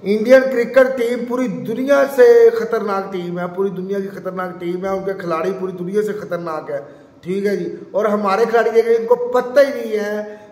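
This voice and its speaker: A male reaction video host chats casually about the clip he just watched. His voice sits high, and it rings out in a roomy space with a lingering reverb. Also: moderate pace, darkish tone. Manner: chatty, peppers speech with "ji" and "yaar". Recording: echoey room with reverb.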